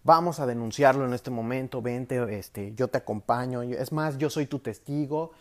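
A man's voice: medium pitch, moderate pace, lightly acted. A man voicing an outspoken neighbor woman who talks bluntly and insistently. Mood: indignant. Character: angry middle-aged neighbor woman, outspoken.

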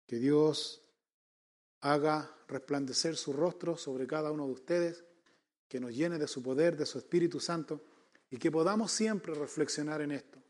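Un pastor con acento chileno que predica un sermón, enumerando puntos y haciendo preguntas retóricas a la congregación. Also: male voice, on the high side, moderate pace. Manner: emphatic, counts numbered points, asks the congregation rhetorical questions. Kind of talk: sermon.

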